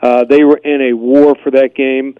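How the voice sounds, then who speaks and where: A man's voice: medium pitch, level tone, normal speed, clear, resonant tone, no room sound. Male betting analyst, slightly dull sound. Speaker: guest sports betting analyst. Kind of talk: sports betting analysis on radio. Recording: slightly dull, dry radio link.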